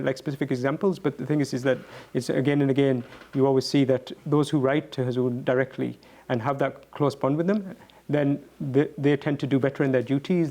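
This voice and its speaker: Man giving halting, earnest answers. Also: medium pitch, mellow. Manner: halting, earnest, with repeated words. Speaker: guest speaker answering questions. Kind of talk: reflective talk answering questions.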